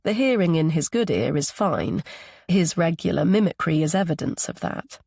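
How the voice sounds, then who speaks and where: Woman narrator for audiobook; low, gravelly, measured delivery, dry recording. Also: expressive, a little mellow, dry recording. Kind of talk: scripted narration.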